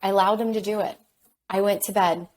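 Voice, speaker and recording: A woman's voice: mid-range voice, steady tone, fairly quick, darkish tone, a little hiss or hum, poor audio. A woman who works as a life coach, talking reflectively and reassuringly as a podcast guest. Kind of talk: conversational podcast interview.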